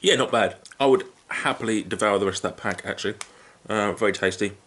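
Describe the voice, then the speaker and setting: In a small indoor living room, a British man in his thirties talks to a nearby camera between bites of chips, offering a relaxed, unscripted food review. His lowish voice is brisk and slightly bright. Packets crinkle, and background noise is clearly audible.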